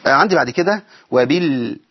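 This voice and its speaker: A man with an Egyptian accent teaches recitation rules on a studio broadcast. His voice sits a little high, and he keeps asking rhetorical questions to his listeners. The sound is dull and lo-fi, with little clarity in the top end. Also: animated, very fast. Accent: Egyptian Arabic. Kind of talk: broadcast tajweed lesson.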